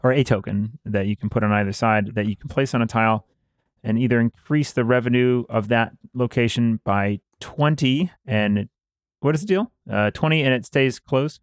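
A man's voice: medium pitch, no echo, clean studio sound. Man explaining game rules casually. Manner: explanatory, pauses with fillers while recalling details. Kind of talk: casual board game discussion.

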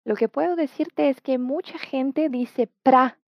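A high-voiced woman with vocal fry, a native Portuguese speaker, runs a language lesson, slowly and patiently modeling words for repetition. The recording is dry, dull and lo-fi.

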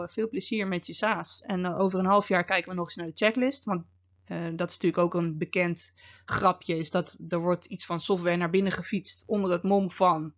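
A woman's voice: lowish voice, highs cut off. A woman hosting a podcast, explaining security topics in a casual, conversational way with frequent fillers and wry asides. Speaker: podcast host and security officer.

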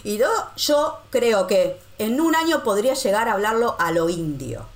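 A middle-aged woman from Argentina speaks with a Rioplatense accent and an animated, storytelling manner. She jumps into quoted lines with big leaps in pitch, and her talk is casual and chatty. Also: moderate pace. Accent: Rioplatense Argentine Spanish. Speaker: guest, expat living in Poland. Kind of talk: casual conversational interview.

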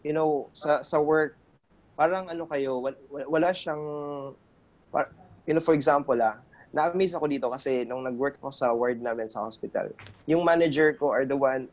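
Hesitant Filipino man, halting speech. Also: mid-range voice, muffled recording. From Cagayan de Oro, Philippines. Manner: hesitant, many restarts and fillers. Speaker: guest, nurse in the UK. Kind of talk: casual interview.

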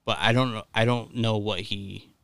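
A man co-hosting a casual sports chat, relaxed and a bit rambling. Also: lowish voice, normal speed, gravelly, dry recording. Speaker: podcast co-host.

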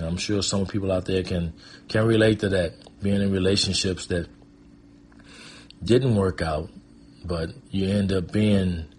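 With a deep voice, a middle-aged storyteller and performing artist from Michigan, USA, reminisces casually about his life as a guest. He's reflective and conversational, and slight background noise is audible.

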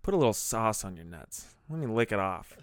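A man hosting a podcast, telling crude stories in an animated, profane, casual way. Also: lowish voice, brisk, clean tone, no room sound, clean studio sound. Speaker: podcast host.

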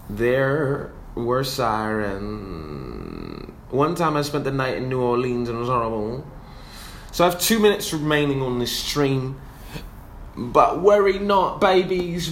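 Slow, rambling man in an echoey room. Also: medium pitch, a little hiss or hum. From New York. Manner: rambling and profane, trailing off with fillers. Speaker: podcast host streaming with a guitar. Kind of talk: casual rambling chat about songwriting. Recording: roomy echo with guitar playing. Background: acoustic guitar.

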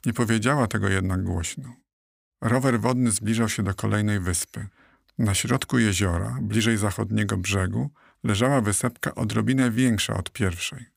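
A man narrates a children's storybook with steady, clear delivery. His voice is low and deeply gravelly, recorded close and completely dry. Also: moderate pace, no room sound. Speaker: audiobook narrator.

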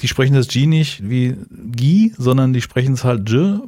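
A man's voice: medium pitch, steady tone, brisk, a little mellow, dry recording, clean studio sound. A man co-hosting a casual podcast, telling stories and often asking whether his partner follows. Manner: chatty storyteller, keeps asking "weißt du?". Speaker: podcast co-host. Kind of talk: casual chat.

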